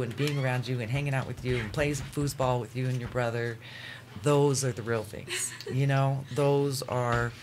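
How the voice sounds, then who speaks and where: A man tells personal stories as a talk guest. He is earnest and halting, at an ordinary pitch, with faint noise behind him. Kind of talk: personal storytelling in casual talk.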